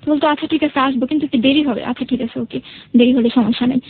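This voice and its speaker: Speaking very fast in a high, fairly even, slightly rough voice, a Bangladeshi-accented woman relates her personal story as a radio interview guest. She hesitates and repeats herself while explaining, and the sound is phone quality.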